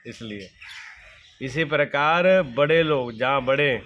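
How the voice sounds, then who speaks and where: A man's voice: mid-range voice, takes it slowly, muffled recording, a little hiss or hum. A middle-aged man giving a devotional sermon as a spiritual teacher. He asks rhetorical questions, answers them himself, and repeats plain everyday examples. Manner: repetitive, folksy everyday examples.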